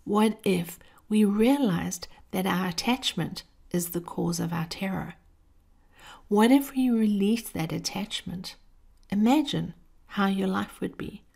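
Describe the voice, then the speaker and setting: Female motivational host, mid-pitched with noticeable vocal fry, reflective and gently measured, guiding listeners through encouragement. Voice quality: creaky. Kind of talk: reflective guided encouragement monologue.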